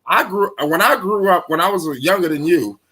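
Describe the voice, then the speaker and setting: A man in his late twenties hosting a casual sports debate, animated, swearing freely and cutting in. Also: high voice, normal speed, husky. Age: 20s. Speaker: show host.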